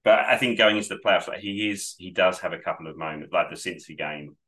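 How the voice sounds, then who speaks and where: Getting over a cold, this man co-hosts a laid-back podcast, talking quickly in a low-pitched, fairly bright voice. He's cheerful and rambling, often revising what he's just said.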